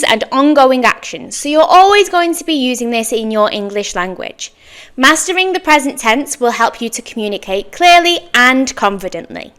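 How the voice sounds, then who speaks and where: A woman teacher delivers a language lesson at a slow, deliberate pace. Her voice sits fairly high and moves up and down with plenty of animation. She enunciates carefully and leans on key words so learners can follow. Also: pushed and bright. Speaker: English teacher, lesson presenter.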